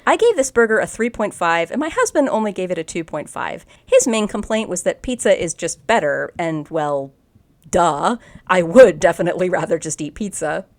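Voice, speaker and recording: A woman's voice: lowish voice, animated, moderate pace, no room sound. A woman food vlogger narrating a voice-over in an upbeat, playful way.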